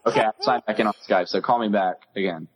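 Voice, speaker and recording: A man's voice: fairly low pitch, quick pace. A man co-hosting a podcast, calling in and heard through an iPad speakerphone, chatty and eager. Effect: heard over an iPad speakerphone call. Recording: echoey speakerphone call.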